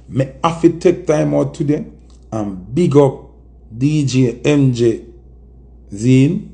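Creaky-voiced Jamaican man speaking Patois. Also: medium pitch, warm tone. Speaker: music personality, vlogger. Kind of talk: casual chat to camera. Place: small indoor room. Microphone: phone at arm's length.

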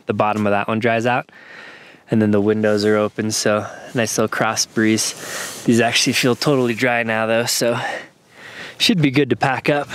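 A man in his thirties narrating a casual camping vlog outdoors, explaining his gear in a relaxed, easygoing way. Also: mid-range voice, clear, resonant tone. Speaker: camping vlogger. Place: outdoors at a mountain campsite.

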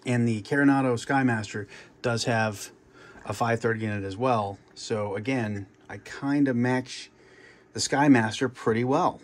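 A man's voice: medium pitch, unhurried. A man casually walking through his home flight sim cockpit, rambling and restarting his sentences. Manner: rambling, with many fillers and restarts. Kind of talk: casual show-and-tell walkthrough.

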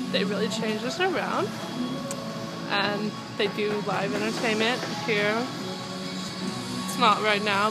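Walking through a theme park, a young woman rambles casually with many ums while filming on a handheld phone at arm's length. Her voice is on the high side, and the audio is poor.

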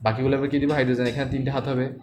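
A man's voice: mid-range voice, little pitch movement, racing. Chemistry tutor quizzing his class, noisy recording. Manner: quizzes students with repeated questions. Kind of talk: classroom teaching.

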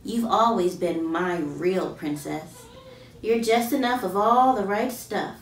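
A woman voicing an affectionate, encouraging father in a picture-book reading, gently. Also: medium pitch, takes it slowly, pitched below the performer's own voice. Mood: tender. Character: affectionate, reassuring father of a little girl. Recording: roomy, distant mic, faint background noise.

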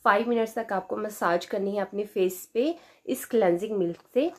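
A woman's voice: mid-range voice, normal speed, darkish tone. Chatty Indian woman reviewing skincare. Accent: Indian English. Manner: chatty Hindi-English mix, frequent "you know". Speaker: beauty vlogger. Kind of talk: product review vlog. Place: small room indoors, facing the camera.

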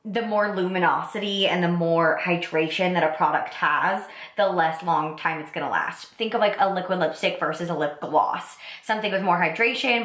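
Young woman, raspy from a cold, chatty makeup talk, roomy echo. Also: on the low side, fairly bright tone. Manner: chatty, enthusiastic product talk. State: lingering cold, slightly raspy congested voice. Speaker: beauty vlogger. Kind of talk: casual get-ready-with-me makeup talk.

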